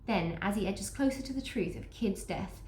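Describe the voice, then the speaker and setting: This time the woman speaks at medium pitch and a moderate pace, animated and darkish in tone, still congested from a cold. In a casual, cheerful unboxing of a book box she restarts sentences and reads the blurbs out loud, recorded in an echoey space with a little background noise.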